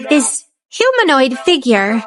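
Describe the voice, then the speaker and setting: Otherworldly game attendant: naive, curious, impeccably formal, high animated voice over prominent music. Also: female voice, slow, exaggerated voice. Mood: playfully earnest. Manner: formal, flowery, overly polite diction. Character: poised, curious, naive otherworldly female attendant visiting human places. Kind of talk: scripted video game dialogue.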